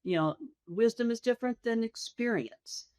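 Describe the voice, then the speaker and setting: An older woman who works as a hospice nurse answers interview questions reflectively, speaking softly, slowly, and in a thoughtful, measured way. Her voice is a little high, and the clean studio sound has no echo.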